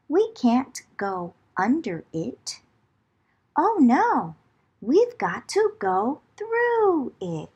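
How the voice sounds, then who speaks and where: The recording is muffled, but a woman's voice comes through on the high side, a little mellow and slightly rough. She's a children's storyteller reading a picture book aloud theatrically, with rhythmic chants, whispers and exclamations.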